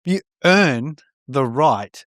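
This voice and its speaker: A man's voice: mid-range voice, expressive, extremely slow, a bit bright, dry recording. Nz guy guesting on a podcast, rambly and frank, lots of "right?", dead dry mic. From born in India, raised in New Zealand. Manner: candid, rambling, restarts often with frequent "right?". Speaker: podcast guest, mortgage broker. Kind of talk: casual chat.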